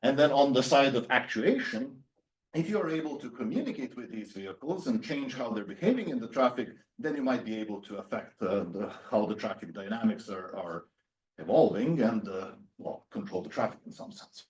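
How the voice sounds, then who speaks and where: A man's voice: mid-range voice, animated, normal speed. A man in his thirties from Serbia, giving an academic lecture with many fillers and restarts. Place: university seminar room.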